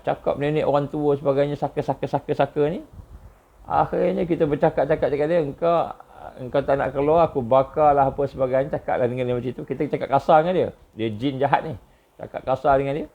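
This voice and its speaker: A man with a Malaysian Malay accent giving a religious lecture, telling stories with lots of repetition and a voice that jumps high on key points. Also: vocal fry, darkish tone, husky, muffled recording.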